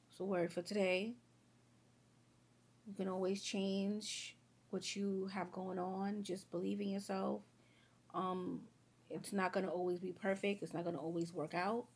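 A young beauty vlogger does her makeup at home in a casual get-ready-with-me chat, a bit sniffly from a sore throat. She rambles in a friendly, chatty way, calling viewers "y'all" and "girl." Her voice is medium-pitched, darkish and slightly rough.

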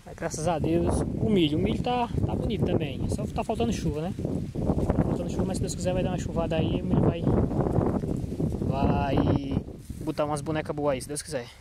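In a casual handheld vlog from his open cornfield, a Northeastern Brazilian farmer with a cold-roughened, somewhat high voice talks in a folksy, repetitive style. He checks in with viewers often, and the outdoor recording is noisy.

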